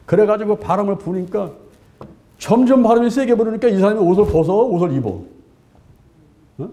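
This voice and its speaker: A middle-aged male pastor preaching a sermon in a colloquial, animated way, acting out little scenes in voices. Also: sits high, normal speed. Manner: colloquial, asks the congregation "예?" often.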